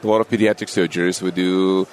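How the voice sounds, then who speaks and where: Deep-voiced man, unhurried. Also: little pitch movement, a little hiss or hum. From Russia. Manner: unhurried, friendly, with small grammar slips. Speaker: anesthesiologist guest. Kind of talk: casual interview conversation.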